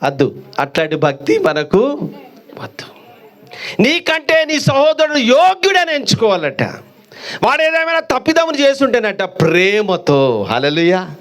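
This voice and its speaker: A man preaching in a church, his voice sitting very high for a man. He tells stories and acts out the people in them. He swings from sharp exclamations down to low, drawn-out lines. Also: very animated. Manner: storytelling, acting out voices of mother and son. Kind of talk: sermon. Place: church hall.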